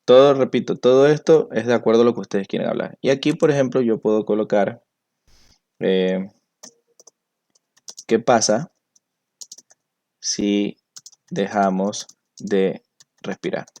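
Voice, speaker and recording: A man walks students through a software tutorial. He explains each step patiently, one click at a time, as a teacher would to a class. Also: fairly low pitch, steady tone, a little slow, pauses often. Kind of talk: screen-recorded software tutorial.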